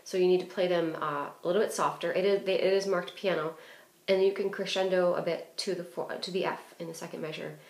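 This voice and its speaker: A woman's voice: on the low side, steady tone, a little fast, a little mellow. A woman giving a clarinet lesson, explaining phrasing and fingerings in a practical way with frequent fillers. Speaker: clarinet teacher. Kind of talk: instructional music lesson. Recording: roomy echo.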